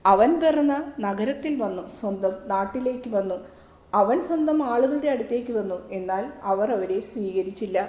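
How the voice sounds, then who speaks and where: A woman voicing a calm, patient male teacher who talks in a gentle, reassuring way. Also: medium pitch, moderate pace, reverberant, lightly acted. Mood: consoling.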